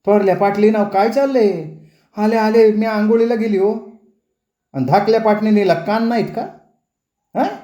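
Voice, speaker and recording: A woman's voice: mid-range voice, steady tone, unhurried, warm tone, voice pushed up, lightly acted. Give me a man playing a blunt older village mother-in-law in a storybook, scolding in broad dialect, in an echoey room.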